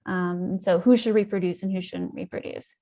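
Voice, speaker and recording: A woman's voice: on the low side, steady tone, moderate pace, mellow. A woman scientist telling a story in an interview, thoughtful, with frequent ums and you-knows, and livelier when she recounts key moments. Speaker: guest scientist.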